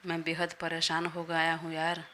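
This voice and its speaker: A woman takes on a short-tempered young boss in a storybook audio drama. He sounds gruff and scolding. His voice sits low, bright and flat, with a faint hiss behind it. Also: normal speed. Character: irritable young male boss.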